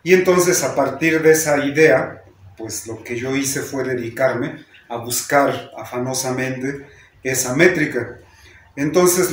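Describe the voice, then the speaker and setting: A man's voice: medium pitch, reverberant, slight background noise. A man with a Mexican accent teaching a class, explaining patiently and often ending sentences with a questioning "¿no?". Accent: Mexican Spanish. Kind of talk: lecture to a class.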